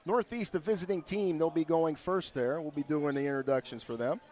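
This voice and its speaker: A man's voice: fairly high pitch, a little fast, darkish tone. A man giving basketball commentary as a play-by-play broadcaster.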